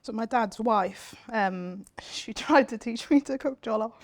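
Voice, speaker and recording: A woman's voice: on the high side, a little slow. A young woman rugby player from Wales, chatting casually and laughing at herself. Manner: giggly, self-deprecating. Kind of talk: casual group chat.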